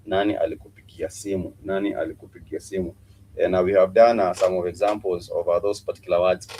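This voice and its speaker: A man's voice: low-pitched, steady tone, fast talker, mellow, a little hiss or hum, low-quality recording. A man teaching a live online language lesson, patiently repeating phrases and spelling words out letter by letter. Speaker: Swahili teacher.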